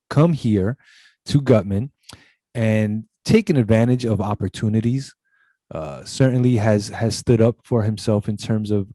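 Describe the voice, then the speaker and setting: A man's voice: lowish voice, mellow, no room sound. A man hosting a college talk show, giving earnest, formal introductions over a video call. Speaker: show host.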